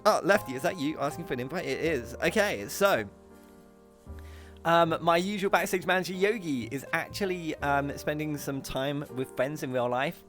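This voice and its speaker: A man hosting a live stream, chatting casually and excitably with viewers and pronouncing his r's as w's. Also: on the high side, normal speed, faint music behind. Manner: says w for r. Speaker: host of a live streamed show.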